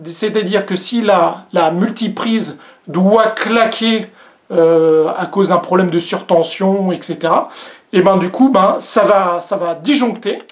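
A vlog host reviewing a product does a casual unboxing demo in a mid-range, unhurried voice. Speaking straight to viewers, they use many hesitant fillers and joke about their own English accent.

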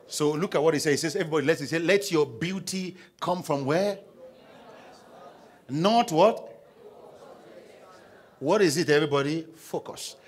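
A young man with a Nigerian English accent preaching a sermon on a church stage into a handheld mic, calling on the congregation to read along and answer back. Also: husky. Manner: call-and-response preaching, prompting the congregation to read aloud; paces the stage, swings between loud emphasis and low asides. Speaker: pastor. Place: large church auditorium stage.

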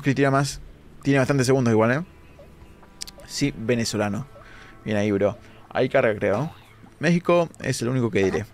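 A young Argentine man with a Rioplatense accent, streaming a game late at night and chatting with viewers as he reads out their comments. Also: medium pitch. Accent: Rioplatense Argentine Spanish. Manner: chatty, reads chat comments aloud, quick asides. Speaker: live-streaming gamer. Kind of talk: casual live-stream commentary reading chat.

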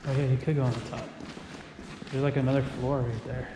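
A man's voice: mid-range voice, flat delivery, a little fast. Curious man asking questions while exploring. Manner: curious, asks questions, laughs easily. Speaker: urban explorer. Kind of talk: casual chat while exploring. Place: abandoned powerhouse at night. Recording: handheld camera audio with noise.

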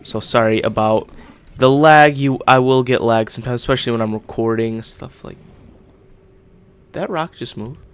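A man's voice: medium pitch, fairly even intonation, normal speed, clear, resonant tone. A young man doing casual let's-play commentary, slightly congested from being sick, talking with a swollen lip. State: getting over being sick. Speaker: gaming YouTuber, host.

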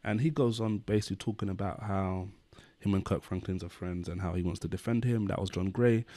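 A man in his thirties hosts his channel, speaking to camera indoors in a deep, warm voice with fairly even intonation and a slightly quick pace, with no echo. He earnestly explains a news story through scripture, relying heavily on the word "basically."

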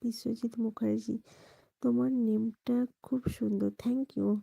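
Woman from west bengal live streaming at night on her phone, super hushed, husky gravelly voice, keeps greeting people and asking for subs. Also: on the high side, steady tone, measured pace, dry recording, low-quality recording. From West Bengal, India. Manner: soft, hushed talk near a whisper; greets viewers by name and repeats the same subscribe request. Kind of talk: late-night live-stream chat reading out viewer comments. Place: at home at night.

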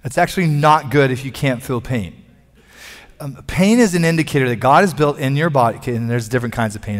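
A middle-aged man preaching a sermon from a church stage on a headset mic, with emphatic, repetitive phrasing that builds in force. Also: medium pitch. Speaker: pastor. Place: large church stage, indoors. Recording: long hall reverb.

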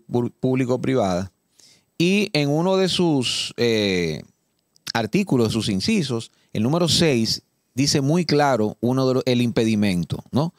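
A man with a Dominican Spanish accent delivers emphatic, indignant political commentary on a studio talk show, his mid-range voice captured on a studio mic with no echo. When he reads law text, he slows down and goes deliberately.

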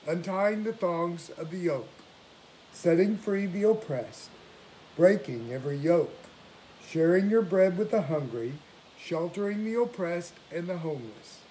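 In a small domestic room, an older man acting as priest recites prayers and readings with solemn, measured formality. His mellow voice sits slightly high for a man. The home recording has poor audio, with a faint hiss underneath.

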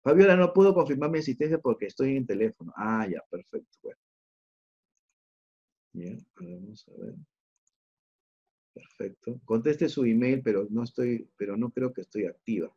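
A man's voice: mid-range voice, animated, moderate pace, pauses often, darkish tone, husky, dull audio. A man running a live online training for teachers, walking through each click aloud and often checking in with the attendees.

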